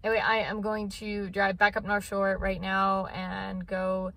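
Here a woman's medium-pitched voice comes across monotone and unhurried, with a fairly bright tone on a dry recording. She's a vlogger in her thirties, chatting loosely from her parked car to a phone camera at arm's length, full of fillers.

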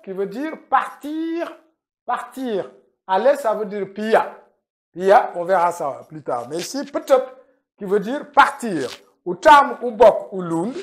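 Slow man repeating words to drill them. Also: sits high. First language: Manjaku. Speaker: language teacher. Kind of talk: spoken language lesson.

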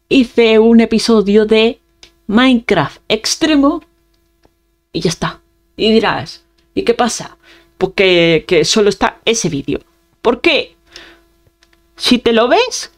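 A woman with a Spain Spanish accent hosts her own gaming video, chatting playfully to viewers in casual commentary. Her voice sits a little on the high side and she speaks at a slow, easygoing pace, dropping little sound effects between remarks. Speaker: gaming channel host.

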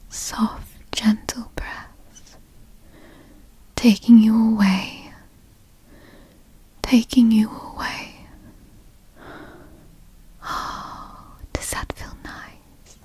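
A woman's voice: a little high, fairly even intonation, drawn-out words, pauses often, dark tone, husky, heavily acted. A woman playing a tender, motherly girlfriend in a whispered role-play, speaking in an intimate, soothing whisper for sleep ASMR.

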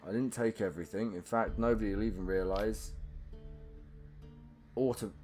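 A man voicing a rough, scheming male thief with a northern English accent, reading out his letter home. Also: lowish voice, steady tone, moderate pace, darkish tone, soft background music, pitched above the performer's own voice, close to an everyday voice. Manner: coarse, conspiratorial letter-reading.

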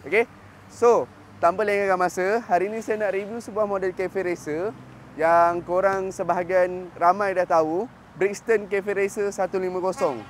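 A Malaysian Malay-accented man in his thirties talks like a cheerful dealer, dropping quick English fillers between points. His voice sits high for a man. Faint traffic and street sound hang behind him in an open lot. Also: fairly even intonation. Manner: upbeat salesman patter, mixes in English fillers. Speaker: motorcycle dealer. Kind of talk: sales video walkthrough. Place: outdoor parking lot of a motorcycle shop.

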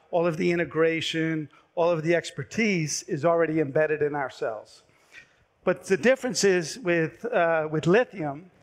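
On a big, darkened conference stage, a middle-aged man wearing a headset mic makes a startup pitch for his company. He sells briskly and persuasively, dropping the odd filler, while his slightly high male voice turns hoarse as he loses it.

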